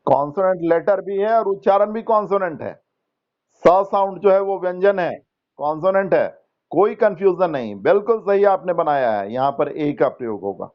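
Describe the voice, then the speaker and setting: A man's voice: sits high, animated, normal speed, lo-fi sound. A man teaching an English grammar lesson in an online class, patiently questioning students by name and explaining step by step in Hindi mixed with English terms.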